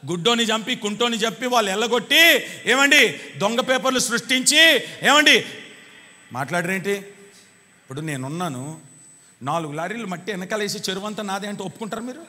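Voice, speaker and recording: A man preaching a sermon as pastor, firing rhetorical questions at the congregation and urging them to answer louder, swinging between loud cries and quiet asides. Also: high-pitched. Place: church hall. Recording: long reverb of a church hall.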